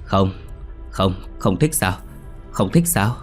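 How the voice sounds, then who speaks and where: A man voicing a crazed village girl who giggles and coaxes in a high, eerie voice. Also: animated, slow, soft background music. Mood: whimpering. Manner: high giggling, sing-song offers.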